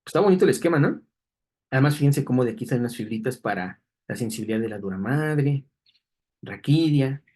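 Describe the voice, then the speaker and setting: Man, husky voice, anatomy lecture, explanatory, frequent tag questions to the class. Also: mid-range voice, expressive, fairly quick, darkish tone. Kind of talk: classroom lecture walking through diagrams.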